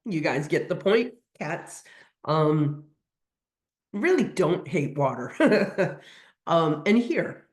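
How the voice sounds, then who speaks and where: Slow, roomy-sounding lecturer with a cold. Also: medium pitch, expressive. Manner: explanatory, with frequent ums and restarts. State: has a cold. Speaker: veterinary technician presenter. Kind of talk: educational webinar lecture.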